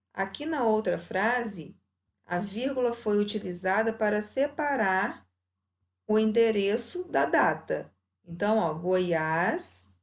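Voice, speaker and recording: A woman's voice: mid-range voice, a little mellow. A woman teacher giving a recorded grammar lesson, patiently explaining each point with examples.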